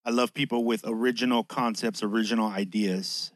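A man's voice: on the low side, steady tone, fairly quick, dry recording, clean studio sound. A man with a lisp and whistling s sounds hosting a podcast in a casual, slangy, chatty monologue that swears freely. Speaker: podcast host.

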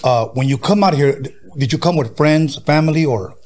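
A man in his fifties hosting a casual interview, asking relaxed, friendly questions. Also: a little high, moderate pace. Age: 50s. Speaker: interview host.

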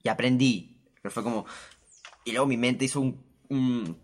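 A young man with a Peruvian Spanish accent, speaking at normal speed in a mid-range voice, hosts a casual personal story. He's animated and crude with his slang, jumping into quoted voices as he tells it.

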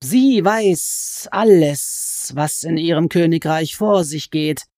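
A woman voicing a sly, menacing male goblin who is a fanatically loyal servant, speaking in a slow, drawn-out, hissing way. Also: sits low, mellow, no room sound, clean studio sound, voice pushed up. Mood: gloating, indignant.

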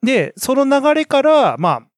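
Lively, rambling podcast man. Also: extremely high pitch, a little slow, no echo, studio quality. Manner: lively, rambling with many fillers. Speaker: podcast co-host. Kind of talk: casual chat.

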